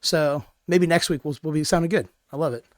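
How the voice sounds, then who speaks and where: Man, hoarse, raspy, easygoing, dry close sound. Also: fairly high pitch, brisk, dry recording. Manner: easygoing, self-mocking. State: hoarse from a cold. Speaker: podcast co-host. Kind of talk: casual chat.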